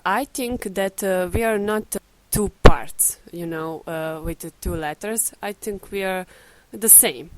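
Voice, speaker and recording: Low-voiced young woman, thoughtful. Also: poor audio. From Serbia. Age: 20s. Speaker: interviewee. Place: outdoors.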